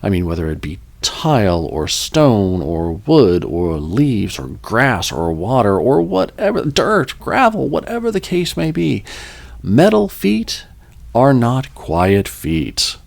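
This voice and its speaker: A man's voice: fairly low pitch, lively intonation, measured pace, creaky, hardly any pauses. A man hosting a podcast, telling folklore in a casual, rambling way, with joking asides and self-corrections. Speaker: podcast host.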